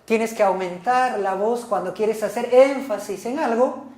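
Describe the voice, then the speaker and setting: A woman's voice: on the high side, measured pace, mellow, roomy sound. A woman teacher giving a recorded class lecture, explaining points and often checking in with her listeners. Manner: instructive, asks frequent checking questions like "¿ok?" and "¿sí?"; repeats and rephrases key points.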